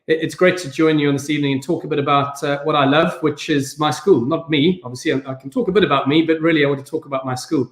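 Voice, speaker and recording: A man's voice: on the high side, steady tone, fast talker, hardly any pauses, echoey room. A middle-aged man with a South African accent, a school head speaking informally on a video call, with fillers and restarts. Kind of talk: virtual event talk.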